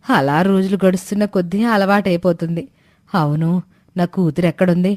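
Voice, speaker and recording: A woman voicing a loving, low-voiced mother. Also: a little fast, no room sound, clean studio sound, close to an everyday voice. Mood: affectionate. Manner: warm and affectionate. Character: fond middle-aged mother visiting her married daughter. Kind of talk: storybook voice acting.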